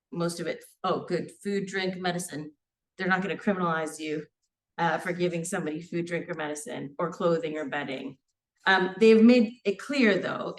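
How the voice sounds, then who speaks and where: A Sri Lankan-born woman in her forties, a criminal barrister, speaks off the cuff in a seminar room, with lots of fillers and restarts. Her voice sits low with a slight brightness, and she is picked up far from the mic.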